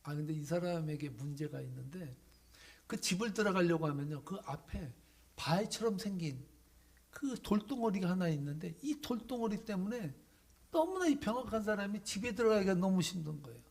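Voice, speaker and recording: A man pastor preaching a sermon, telling a story dramatically and swinging from loud lines to hushed whispers. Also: sits high, lively intonation, normal speed, creaky.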